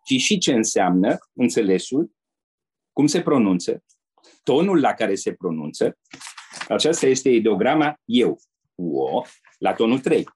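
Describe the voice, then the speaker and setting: Older man with a husky, mellow voice. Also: medium pitch. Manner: relaxed, with asides to the listener. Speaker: former diplomat and interpreter. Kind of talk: anecdotal storytelling.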